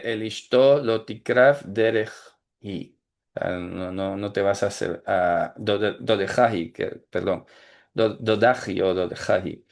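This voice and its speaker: A man giving a religious teaching, explaining in a conversational way and slowing down to stress key words. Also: on the low side. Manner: explanatory, asks "¿vale?" and "¿sabes?" often, slows to stress key words. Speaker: teacher of Torah commandments. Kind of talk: recorded teaching talk.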